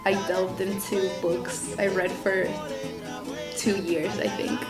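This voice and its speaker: A young woman from Chile talks in an earnest, reflective way, now and then searching for the right word. Her voice rings in a roomy, echoing space while guitar music plays clearly underneath. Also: medium pitch, flat delivery, takes it slowly. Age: 20s. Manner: earnest, thoughtful, searching for words. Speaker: student interviewee. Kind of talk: personal reflective talk. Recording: echoey room with guitar music.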